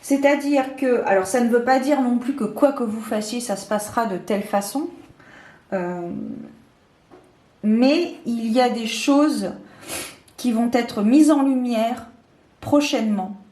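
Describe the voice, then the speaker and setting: Woman tarot reader, slightly high voice, hesitant and full of fillers, roomy echo. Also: a little slow, darkish tone. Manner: hesitant, many fillers and restarts. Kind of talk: casual tarot reading to camera. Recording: echoey room.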